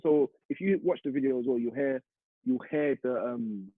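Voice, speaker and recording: A young man from East London with a London accent, a football striker telling a lively story in a casual interview. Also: medium pitch, moderate pace, slightly rough, no echo. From East London, England. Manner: animated, vivid retelling with acted-out quotes. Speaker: interview guest, semi-pro striker. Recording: muffled phone-like audio.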